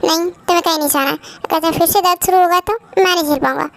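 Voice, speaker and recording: A woman's voice: very high-pitched, steady tone, very fast, creaky, fairly bright tone, no echo, full character voice. A woman voicing a bossy but caring young husband, who speaks firmly and insists on getting his way, in an amateur fan dub. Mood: insistent. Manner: firm, commanding, insistent.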